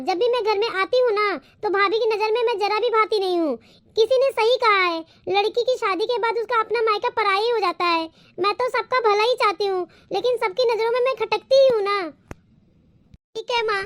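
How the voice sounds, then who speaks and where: A scheming sister-in-law in a cartoon, voiced by a woman in a very high, thin register. She wheedles and plays the wronged victim, with a dry, close sound. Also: fairly bright tone, no echo.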